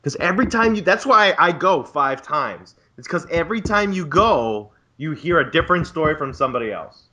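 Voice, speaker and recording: A man's voice: a little high, expressive, normal speed, bright, forceful tone. A man in his twenties, a graduate student, on a casual podcast, ranting profanely and with exasperation about bureaucracy. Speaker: podcast co-host.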